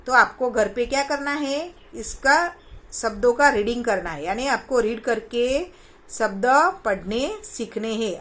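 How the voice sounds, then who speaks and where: A woman's voice: on the high side, fairly bright tone. A woman primary school teacher, sounding out Hindi letters syllable by syllable for young children and quizzing the class, mixing English words into her Hindi.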